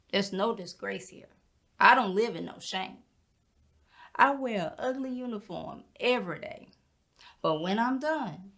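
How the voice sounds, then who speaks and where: A dignified, folksy mother who scrubs other people's floors and holds her head high, as a woman acts her out. She speaks in a fairly high voice and takes her time with every phrase, unhurried and storytelling. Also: fairly bright tone. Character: proud, hardworking mother who cleans houses, middle-aged woman. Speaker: actor performing a stage monologue. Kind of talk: theatrical monologue.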